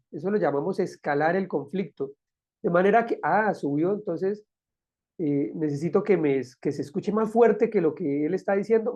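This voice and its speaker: Patient male instructor, mellow voice. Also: on the high side, dull audio. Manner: patient, explanatory, repeats key phrases. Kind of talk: recorded lecture.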